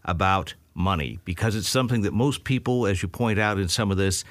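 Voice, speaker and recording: A man's voice: fairly low pitch, brisk, fairly bright tone, no room sound, studio quality. A man hosting a casual conversation, talking in an easygoing, hesitant way with fillers.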